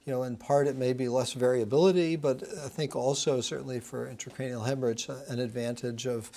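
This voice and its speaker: A man moderating a medical panel discussion who keeps the talk moving, speaking haltingly with many fillers. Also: mid-range voice, fairly even intonation, dark tone.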